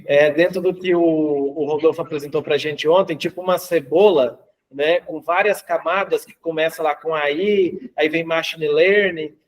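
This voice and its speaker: A man's voice: a little high, steady tone, normal speed, few pauses, low-quality recording. A Brazilian man moderating a seminar, thinking aloud with fillers. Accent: Brazilian Portuguese.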